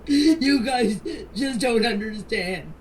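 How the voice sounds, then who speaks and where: In a distant, noisy voice message, a grandmother answers questions in a group chat with an emotional personal statement. Her slightly high voice is expressive and slow, and her manner is plain-spoken, pleading, and insistent.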